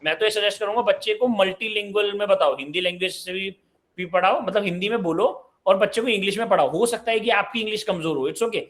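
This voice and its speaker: A man in his late twenties hosts a live online parenting session. His voice sits a little high for a man, and he reads out viewer questions before answering them in an easy, conversational way. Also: fast, fairly bright tone. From Uttar Pradesh, India. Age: 20s.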